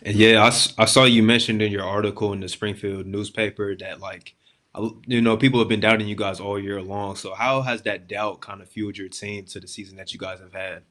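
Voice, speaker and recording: A man's voice: fairly low pitch, steady tone, a little fast, a bit bright. A young man co-hosting a show, asking questions in a casual sports interview style. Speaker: co-host interviewer.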